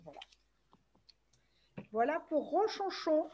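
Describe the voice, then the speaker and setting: A woman's voice: high voice, big pitch swings, slow, dark tone, lo-fi sound. A woman presenting a game on an online webinar, walking through the rules step by step over a video call.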